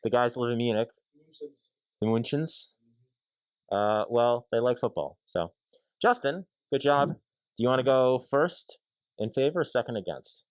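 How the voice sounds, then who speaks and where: A man's voice: mid-range voice, normal speed, pauses often, clean tone, no echo. A man hosting a comedic sports debate show, teasing and playful with the panel. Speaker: host.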